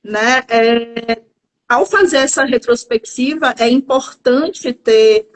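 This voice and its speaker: A Brazilian woman with a slightly high voice speaks in a calm, measured way. She guides a reflective live conversation as a guest psychologist, often stopping to find the right word. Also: rough recording. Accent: Brazilian Portuguese.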